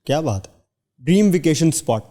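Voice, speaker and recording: A man hosting a podcast interview, asking upbeat, brisk questions. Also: fairly high pitch, animated, dark tone, in a large hall. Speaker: podcast host.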